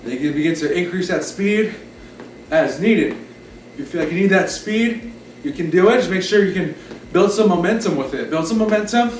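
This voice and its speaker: A man with a high, animated voice leads an exercise class as a fitness instructor, calling out short encouraging cues and counts at a moderate pace. The distant mic picks up a roomy echo, with music playing in the background.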